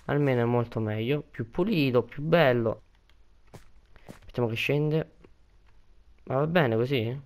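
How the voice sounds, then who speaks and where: A man's voice: medium pitch, unhurried, long pauses, a little mellow. A young man giving casual gameplay commentary, chatty and prone to panicked repeated pleading. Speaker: gaming video creator.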